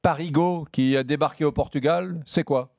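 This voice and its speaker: A male radio host interviewing a caller, asking brisk, friendly questions. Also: fairly high pitch, steady tone, gravelly, a little mellow.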